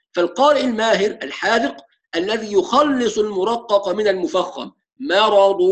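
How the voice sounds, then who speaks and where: A man with an Egyptian accent teaching Quran recitation. He mixes formal Arabic with colloquial asides and slows down to stretch out each letter he demonstrates. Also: sits high, a bit bright. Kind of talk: tajweed lesson with spoken demonstrations.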